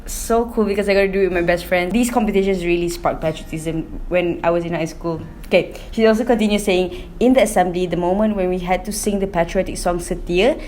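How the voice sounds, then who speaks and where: A woman's voice: on the low side, fast talker, few pauses, darkish tone, slight background noise, rough recording. A young Malaysian woman with a Malaysian accent co-hosting an online show, chatting casually and reading out comments, slipping between English and Malay. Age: young adult.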